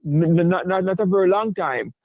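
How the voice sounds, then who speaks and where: A high-pitched male caller from Jamaica who stumbles through his sentences with constant restarts and filler words, yet keeps pressing the same point over and over. The line comes through dull and lo-fi, with a dry, close sound. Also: animated, no room sound. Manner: halting, many stammered restarts and fillers; insistent, repeats himself. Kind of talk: call-in sports debate.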